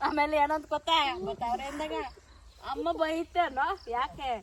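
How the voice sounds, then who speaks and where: A woman's voice: sits high, fairly even intonation, normal speed, slight background noise. A woman, grumbling and teasing in casual family chat outdoors on a farm. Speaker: family member.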